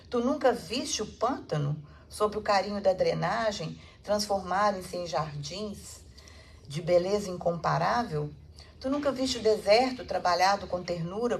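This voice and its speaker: A serene male teacher speaks with tender, unhurried solemnity, as a woman lecturer gives him voice. The tone is measured and poetic, with a slightly gravelly grain. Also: sits high, a little hiss or hum.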